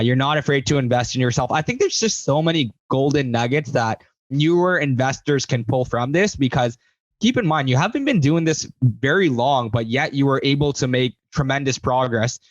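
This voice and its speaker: A male podcast host speaks in an encouraging, friendly way while closing out the episode. The sound is a little dull and muffled, yet dry and close, with no echo. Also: medium pitch. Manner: encouraging, wraps up the show. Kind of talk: casual interview chat.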